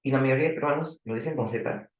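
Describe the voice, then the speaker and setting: A man's voice: mid-range voice, quick pace, reverberant, dull audio. A man with a Peruvian accent teaching a language class, questioning his students and explaining with examples. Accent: Peruvian Spanish. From Peru. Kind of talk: online class lecture.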